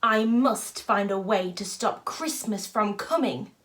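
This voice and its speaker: A woman's voice: medium pitch, takes it slowly, a bit bright. A woman voicing a sour, scheming middle-aged male Grinch in a storybook reading, with a sneering, growling, sly manner. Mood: sneering, irritated. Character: sour, scheming, fifty-three-year-old male Grinch who hates Christmas.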